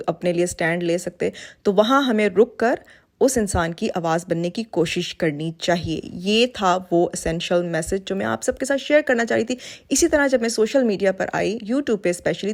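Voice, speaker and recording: A middle-aged woman vlogger telling a personal story to her viewers in an earnest, heartfelt way, with English words mixed in. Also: mid-range voice.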